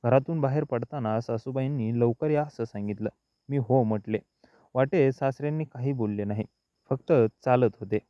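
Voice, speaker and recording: Male story narrator, mid pitch, unhurried and even, lo-fi dry recording. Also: no room sound. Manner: slow, even first-person storytelling. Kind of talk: scripted audiobook narration.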